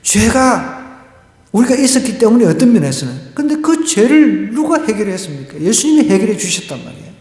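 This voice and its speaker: A man's voice: high voice, sing-song, brisk, darkish tone. A male pastor preaching an expository sermon at a Friday prayer meeting, emphatic, with rhetorical questions and vivid sound words. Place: church sanctuary. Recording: echoey church hall with long reverb.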